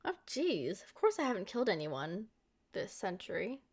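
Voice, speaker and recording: Playfully explaining, the woman voices her centuries-old vampire girlfriend with a youthful look, talking sweetly and warmly to the listener in an expressive ASMR roleplay. Her voice is medium in pitch, slightly rough, and moves at normal speed.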